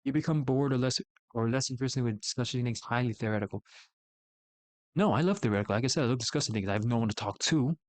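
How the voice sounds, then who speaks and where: Male streamer, medium pitch, casual solo commentary, rambling, opinionated, self-correcting, dry close recording. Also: fast, a little mellow, dry recording. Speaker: VTuber streamer.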